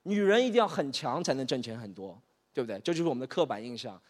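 Stand-up, male, 30s, rapid and animated delivery, mixes in English, plays characters, stage in a reverberant hall. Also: mid-range voice. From Shanghai. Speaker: stand-up comedian. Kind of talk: stand-up comedy set.

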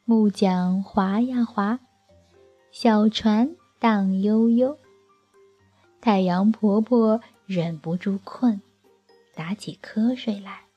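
Slow, breathy woman storyteller. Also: medium pitch, muffled recording, soft background music. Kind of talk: children's story narration.

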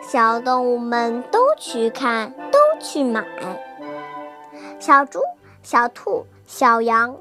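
A woman telling a bedtime story for small children, gentle and sing-song. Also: on the high side.

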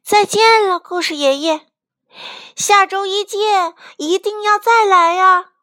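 Woman doing a squeaky, excited little chick. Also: moderate pace, no echo, studio quality, heavily acted. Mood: eager. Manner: squeaky, eager. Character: excited young chick, boy.

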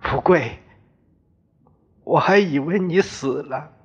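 A man's voice: a little high, slow pace, slightly rough, long reverb tail, heavily acted. A man voicing a tearful old comrade. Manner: emotional, choked up. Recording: dull lo-fi recording.

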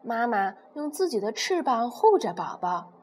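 A woman telling a children's story, expressive and playing with sound words. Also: on the high side, moderate pace, slight background noise.

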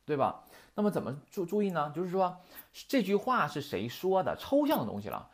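Explaining a classroom lesson fairly quickly, this language teacher has a sing-song voice of medium pitch. Example sentences get quoted and then unpacked, with "right?" dropped in again and again to confirm the class is following.

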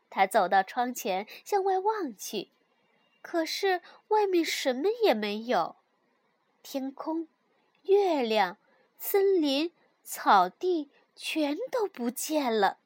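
Slow, expressive woman reading a children's story. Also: high voice, no room sound.

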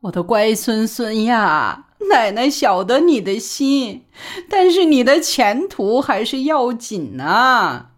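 A woman voicing a tender old grandmother who croons slowly over her grandson. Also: mid-range voice, animated. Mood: doting. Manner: slow, crooning.

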